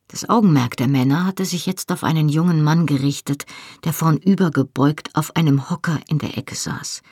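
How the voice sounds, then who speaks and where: A first-person audiobook narrator with a husky, slightly raspy tone. The reading is measured and expressive, recorded close and completely dry, with no room around the voice. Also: medium pitch, no room sound.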